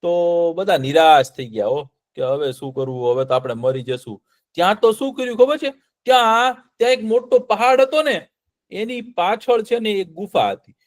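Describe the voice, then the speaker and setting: A man with a voice high for a man tells a children's story at a moderate pace. He is animated and keeps checking in with his young listeners by asking them questions.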